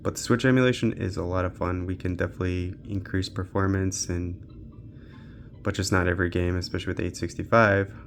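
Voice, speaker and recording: Fairly quick and fairly even in intonation, a handheld-gaming tech reviewer offers offhand, unscripted commentary as he tests games. His somewhat deep voice is full of vocal fry, and noticeable noise runs beneath it.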